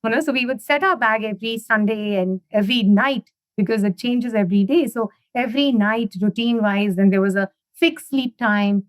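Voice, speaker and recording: A woman's voice: fairly high pitch, moderate pace, hardly any pauses, no echo. A middle-aged woman from India, chatting as a guest in an interview and leaning on "you know" and "right?". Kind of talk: casual interview conversation.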